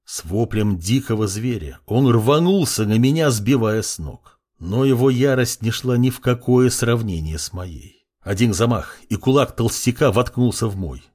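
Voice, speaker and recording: A husky-voiced man reads a grim first-person story aloud in a tense, brooding tone. His pitch rises and falls with the drama, and his voice is low in the quieter stretches. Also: expressive, moderate pace, hardly any pauses. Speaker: audiobook narrator. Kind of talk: dramatic audiobook narration.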